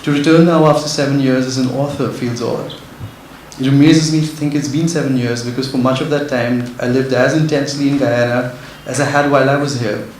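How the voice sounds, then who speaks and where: A man's voice: medium pitch, fairly even intonation, fairly quick, darkish tone. Nervous man speaking in an echoey hall. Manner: nervous, earnest. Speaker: author giving a speech. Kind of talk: prepared literary talk read to an audience. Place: echoey indoor event venue. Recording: very echoey hall, faint background noise.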